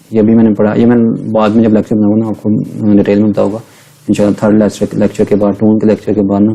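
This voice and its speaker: Low, dark-voiced man drilling sounds. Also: low-quality recording. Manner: repeats each sound several times, patient drilling. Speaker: language teacher. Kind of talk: recorded lecture over slides.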